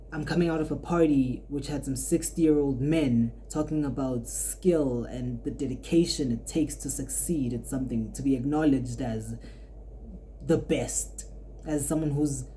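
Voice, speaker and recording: A woman's voice: very deep voice, warm tone, slight background noise. A twenty-year-old woman hosting a podcast, musing aloud in a rambling, reflective way with frequent restarts. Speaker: podcast host and art student. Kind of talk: casual podcast monologue.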